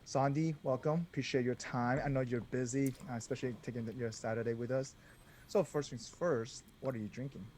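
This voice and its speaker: A man's voice: medium pitch, steady tone, brisk, darkish tone, a little hiss or hum. A man co-hosting a casual podcast chat, laid-back and rambling, often chuckling. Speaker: podcast co-host.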